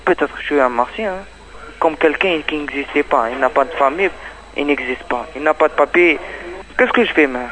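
A man speaks French as a second language, with non-native phrasing, in an agitated personal testimony. He circles back and repeats himself as he talks, and his voice sits somewhat high for a man. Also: brisk, sharp tone, low-quality recording. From Palestine. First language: not French. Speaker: undocumented migrant giving testimony.

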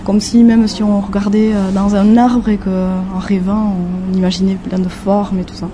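A young woman from the French Basque Country, a graphic designer, answering interview questions in a casual, halting way, often searching for words. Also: medium pitch, flat delivery, background noise.

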